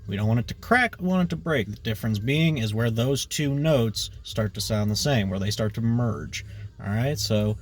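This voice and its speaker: A man gives an informal singing lesson, his voice sitting at an ordinary middle pitch. He rambles a little, stacking fillers and checking in with a quick "right?" as he explains. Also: lively intonation. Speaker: vocal coach. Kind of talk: casual video lesson.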